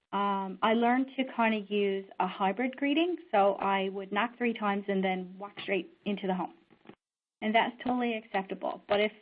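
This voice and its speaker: A middle-aged woman from Newfoundland and Labrador, a social worker giving an instructional talk in an earnest, conversational way, often pausing on "um". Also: medium pitch. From Newfoundland and Labrador, Canada. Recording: narrow, tinny phone-like sound.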